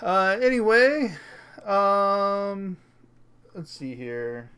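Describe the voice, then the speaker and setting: A man's voice: high-pitched, very animated, very slow, sharp tone, clean tone. A man co-hosting a podcast in casual chat, rambling and hesitant with many fillers and restarts. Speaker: podcast co-host.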